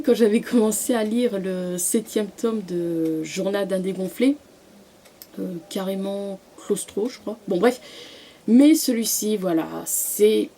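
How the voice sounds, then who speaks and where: A young woman chatting casually about books she loves, often pausing, restarting and filling gaps with "euh" and "voilà". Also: medium pitch, warm tone, a little hiss or hum. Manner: hesitant, many fillers and restarts. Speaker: book vlogger. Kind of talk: casual book review vlog.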